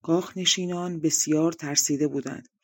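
A woman narrating a folk tale audiobook in an even, conversational reading style. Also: low-pitched, dry recording, studio quality. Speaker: audiobook reader. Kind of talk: storybook narration.

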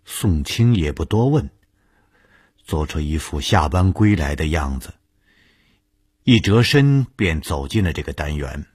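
A man reads a suspense serial in a very low, husky voice, taking his time. The sound is dry and close, with no room behind him. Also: no echo. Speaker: storyteller. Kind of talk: radio serial story reading.

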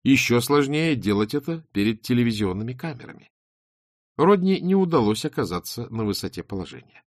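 Male narrator, expressive, theatrical, lively pitch, dry. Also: brisk, no room sound. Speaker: audiobook narrator. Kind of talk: audiobook reading with character voices.

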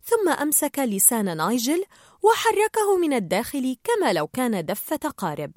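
Lively woman reading a storybook aloud. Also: sits high, normal speed, no room sound, studio quality. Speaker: narrator. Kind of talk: storybook read-aloud narration.

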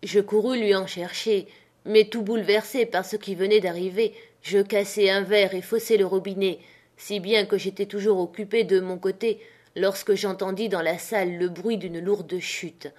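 A woman reading an adventure novel aloud as an audiobook narrator, in a steady, measured storytelling manner. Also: mid-range voice. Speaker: audiobook reader. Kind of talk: scripted narration.

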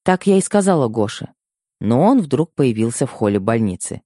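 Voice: mid-range voice, very animated, normal speed, mellow, no echo, studio quality. An audiobook narrator giving an emotional first-person telling.

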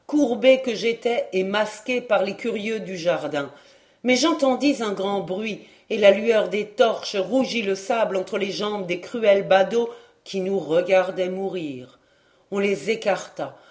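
Slow, measured audiobook narrator. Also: mid-range voice, darkish tone. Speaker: audiobook reader. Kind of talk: first-person literary narration.

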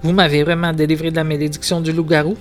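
A man's voice: fairly high pitch, little pitch movement, quick pace, faint music behind, natural voice. A man voicing an anxious young male hero asking questions in a read-aloud gamebook.

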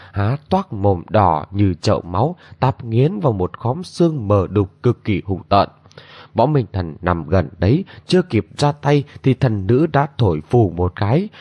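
Brief: male storyteller, low and lively, dramatic narration, dry dull lo-fi sound. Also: no echo. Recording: dull lo-fi recording.

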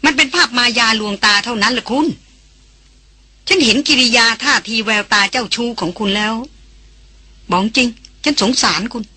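A woman reading an audiobook, voicing a calm, worldly foreign woman who teases a younger man like an older sister. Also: on the high side, moderate pace, husky, no room sound, voice pushed up. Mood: knowing. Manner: gently mocking, older-sister tone.

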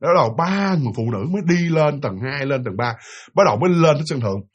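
A man narrating a spoken ghost story, excited and repetitive, acting out the characters' lines as he goes. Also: on the high side, quick pace, breathy edge, highs cut off.

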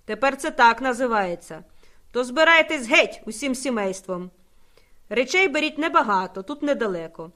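A woman voicing a coarse older male soldier who shouts and mocks rudely, in an audiobook. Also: a little high, lively intonation, moderate pace. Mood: barking. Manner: loud, mocking, rude. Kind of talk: audiobook character voice.

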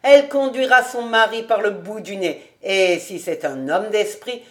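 A woman's voice: medium pitch, unhurried, lightly acted. A woman voicing a kindly old male rabbi who talks earnestly and pleads fondly, in an audiobook reading.

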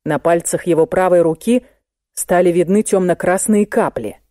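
A woman's voice: on the low side, moderate pace, warm tone, no echo, clean studio sound. A woman narrating a first-person audiobook with a wry, ironic manner.

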